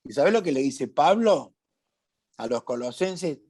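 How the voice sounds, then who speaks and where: A male preacher with a Cordobese Argentine accent delivers a sermon in a slow, deliberate cadence. His voice sits somewhat high for a man, and he presses each point home with repetition and questions aimed at the listener. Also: lively intonation, a little mellow, breathy edge. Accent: Cordobese Argentine Spanish. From Córdoba, Argentina. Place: church meeting hall.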